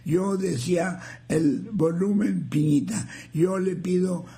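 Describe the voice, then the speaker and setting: Older radio host, slow and gravelly. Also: male voice, sits high, mellow. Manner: folksy, joking, slow and drawn out. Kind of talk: reading listener messages on live radio.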